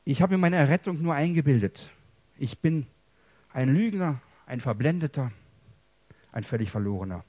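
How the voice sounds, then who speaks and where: A man preaching a personal testimony sermon, dramatic and emotional, swinging between hushed confession and loud pleading. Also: mid-range voice, lively intonation, normal speed, pauses often, dry recording, highs cut off.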